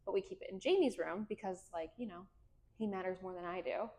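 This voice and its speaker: A woman in her thirties co-hosting a relaxed podcast. She tells stories from home in an easygoing voice, with plenty of "like" and casual asides. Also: mid-range voice, fairly quick. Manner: laid-back storyteller, frequent fillers. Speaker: podcast co-host. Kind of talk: casual chat.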